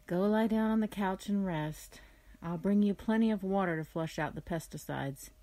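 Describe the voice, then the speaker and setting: A woman voicing a caring mother in a children's story, speaking calmly in a low, gently firm tone. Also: moderate pace, no room sound, close to an everyday voice.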